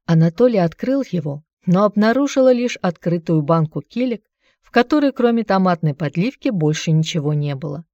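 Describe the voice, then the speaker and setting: A woman reading a story aloud as narrator in an even, measured way. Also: fairly low pitch, no echo, lo-fi sound. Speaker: audiobook narrator. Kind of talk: scripted narration.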